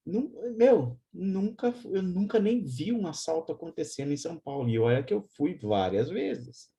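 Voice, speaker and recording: A man hosting a spiritual study group, speaking in a calm, reflective way. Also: fairly high pitch, moderate pace.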